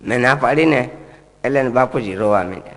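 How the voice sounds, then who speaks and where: A man, a swami, telling devotional stories in a sermon, acting out the dialogue and rising to loud declamation. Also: medium pitch, brisk, big-room sound, poor audio. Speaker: swami giving scripture discourse. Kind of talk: devotional katha storytelling sermon.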